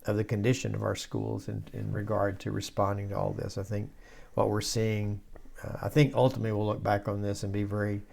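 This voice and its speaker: Man, soft voice, gravelly, fairly flat intonation, hesitant pastor in casual discussion. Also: fairly low pitch, fairly quick, a little hiss or hum. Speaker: pastor, host of church conversation show.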